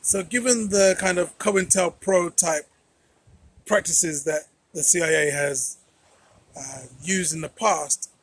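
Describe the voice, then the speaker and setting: A man's voice: on the high side, slow pace, fairly bright tone, slightly rough. A man hosting a political commentary channel, talking conversationally with rhetorical questions and repeated phrases.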